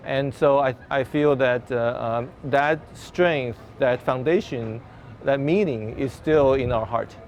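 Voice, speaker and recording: A man, a festival organizer, speaking earnestly in an interview with halting phrasing, outdoors. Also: mid-range voice, a little hiss or hum. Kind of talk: interview answers.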